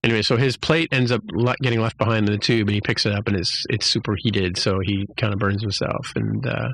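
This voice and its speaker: A man hosting a podcast, retelling a show scene by scene in a loose, rambling way. He keeps stopping to restart his sentences and jumps into little acted-out lines from the characters. His voice sits a little low and sounds dry and close. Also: steady tone, quick pace, creaky, fairly bright tone, no echo, poor audio. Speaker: podcast host. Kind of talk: casual episode recap.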